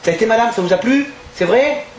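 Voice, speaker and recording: A man playing a crude, loud restaurant owner from Toulon with a southern French accent, swinging between fake charm and insults in a live stand-up sketch. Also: sits high, lively intonation, fast talker, slight background noise. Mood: fawning. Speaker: stand-up comedian. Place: theatre stage before an audience. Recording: echoey live hall.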